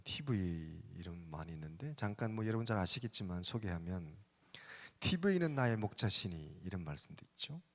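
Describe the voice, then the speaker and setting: A male pastor giving a sermon in a casual, good-humored way, chuckling now and then. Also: fairly low pitch. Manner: conversational, good-humored, chuckles at his examples. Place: church sanctuary. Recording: reverberant church hall.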